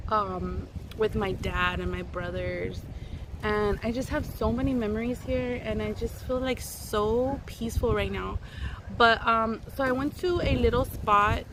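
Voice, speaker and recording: Chatty woman vlogging outdoors, noisy background. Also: mid-range voice. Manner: chatty, informal, frequent "like" and slangy exclamations. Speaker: mukbang vlogger, host. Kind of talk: casual chat to camera while eating. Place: outdoors in a park. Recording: clear outdoor ambient noise. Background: outdoor ambience, wind.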